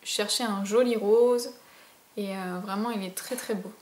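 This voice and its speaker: A woman's voice: medium pitch, fairly even intonation, normal speed, a little mellow, slight background noise. A young woman from France chatting enthusiastically to camera about her beauty purchases, with many fillers. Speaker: beauty vlogger. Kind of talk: casual haul chat to camera. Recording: echoey room.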